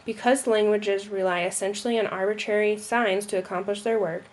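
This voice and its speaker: A woman's voice: mid-range voice, fairly even intonation, brisk. A young woman reading a school presentation aloud, with occasional slips and restarts. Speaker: student presenter.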